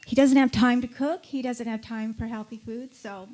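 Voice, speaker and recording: A woman's voice: fairly high pitch, fairly even intonation, normal speed, a little mellow. A woman in a congregation, emotional and chatty as she shares about herself. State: emotional, near tears. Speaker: congregant sharing.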